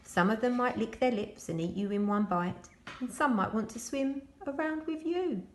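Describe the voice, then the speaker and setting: A woman's voice: fairly high pitch, normal speed, slight background noise. Woman reading a storybook in an echoey room. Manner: expressive, addressing young children. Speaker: primary school storyteller. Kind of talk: reading a children's picture book aloud.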